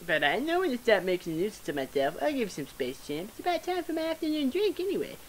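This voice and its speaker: A woman voicing a boisterous, scheming older male fight promoter in a video game, with gruff salesman-like patter. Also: on the high side, wildly swooping pitch, fast, a little hiss or hum. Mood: easygoing.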